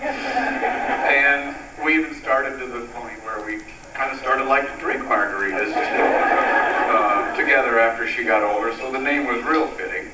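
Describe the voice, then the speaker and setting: A middle-aged man giving a sentimental wedding toast as father of the bride, speaking deliberately with pauses. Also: medium pitch, over a noisy crowd. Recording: echoey, noisy room, distant microphone.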